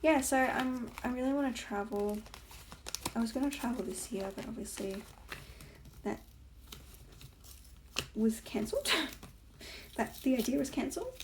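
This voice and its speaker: A woman's voice: a little high, animated, measured pace, long pauses, noisy background. A young woman chatting casually while planning, rambling with many fillers and sometimes dropping to a whisper. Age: young adult. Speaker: planner vlogger. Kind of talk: casual plan-with-me chat.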